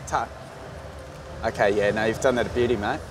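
A man's voice: on the low side, fairly even intonation, brisk. A man with a New Zealand accent, a paramedic explaining things to patients in a casual, reassuring way. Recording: clear outdoor street and vehicle noise. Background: street and vehicle noise.

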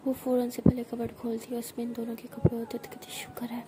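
Woman narrator, high soft whispered role-play storytelling; noticeable background noise. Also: completely flat delivery, fast. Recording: noisy recording.

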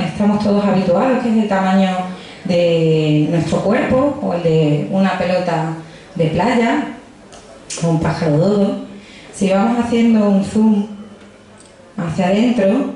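A young woman with a fairly low, warm voice and a Badajoz Spanish accent. This physicist from Extremadura is giving a jokey, conversational popular science talk directly to the audience in a packed indoor pub, using a handheld mic; the recording picks up echo and faint noise.

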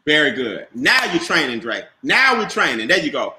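Male business trainer, emphatic and repetitive, high bright tone, echoey call audio. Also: sing-song, normal speed. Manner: emphatic, repeats key points, quizzes listeners. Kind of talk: coaching on a video call. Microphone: video call.

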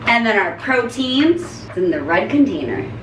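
Young female vlog co-host, unhurried and playful, a little high, caught by a distant camera in an echoey kitchen. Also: big pitch swings, fairly bright tone, slight background noise. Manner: playful, sing-song, teasing. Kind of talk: casual cooking vlog chat. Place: small home kitchen. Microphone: camera mic at a distance.

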